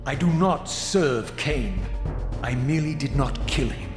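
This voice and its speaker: An actor playing a defiant, bitter undead wraith in a video game, speaking formally with proud scorn. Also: male voice, mid-range voice, expressive, measured pace, natural voice. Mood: weary, defiant. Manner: sardonic, scornful, theatrical formal speech. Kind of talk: dramatic video game voice acting. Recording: echoey hall reverb, music behind.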